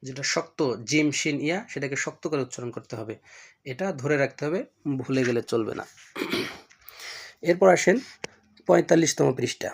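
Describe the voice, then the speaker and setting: A man, teaching a recorded lesson on reading Arabic letters, calling out letter names loudly and then explaining them calmly. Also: mid-range voice, moderate pace, gravelly, long pauses, husky.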